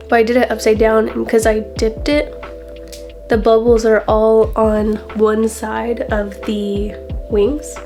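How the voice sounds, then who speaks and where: High-voiced woman, casual craft tutorial over music. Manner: playful, rambling. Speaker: hobby craft host.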